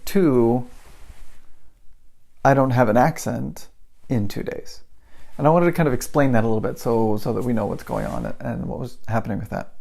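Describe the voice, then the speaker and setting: A man's voice: mid-range voice, vocal fry, a little mellow. A middle-aged man, an English teacher, telling a personal story in a chatty way with many restarts, acting out what he thought back then. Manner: chatty, many restarts and fillers, acts out his own past thoughts. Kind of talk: casual storytelling lesson.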